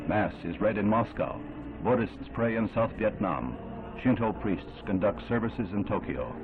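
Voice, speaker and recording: A man giving solemn, measured, formal narration in an old 1960s newsreel. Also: fairly low pitch, animated, noisy background. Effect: old 1960s newsreel sound. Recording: thin narrow-band old film audio with music underneath.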